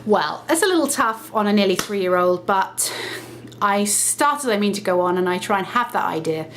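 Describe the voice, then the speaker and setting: Speaking to camera in a casual vlog, a lifestyle vlogger walks through things step by step, chatty and brisk and prone to self-correction. Her medium-pitched voice is animated and a little bright, slightly nasal from a cold, with some background noise.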